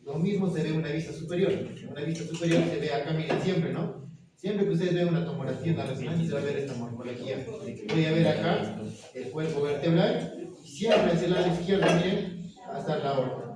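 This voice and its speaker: A man's voice: a little high, a crowd in the background. A man teaching an anatomy class, firing questions at students and confirming their answers with "correct, very good". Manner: asks quick questions and confirms answers with "correcto, muy bien". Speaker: anatomy lecturer. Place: lecture room with students. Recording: very echoey room, distant mic, students audible. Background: students murmuring answers.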